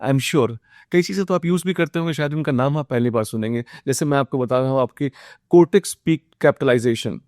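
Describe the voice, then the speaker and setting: An Indian man teaching exam students, mixing English phrases into Hindi with frequent filler pauses. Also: mid-range voice, a little mellow, no echo, clean studio sound. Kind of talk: motivational study lecture.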